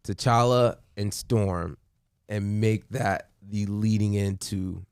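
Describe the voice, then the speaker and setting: A man hosting a podcast, chatting casually and excitedly in quick bursts with restarts. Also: on the low side, clean tone. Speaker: podcast host. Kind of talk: casual chat.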